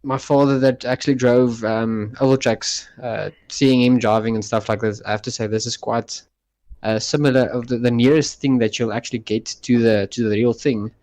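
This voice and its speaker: A South African man speaks as a racing driver being interviewed. His voice is mid-pitched and his delivery is casual and conversational. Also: fairly even intonation, moderate pace, darkish tone, no echo. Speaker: sim racer being interviewed. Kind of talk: casual post-race interview.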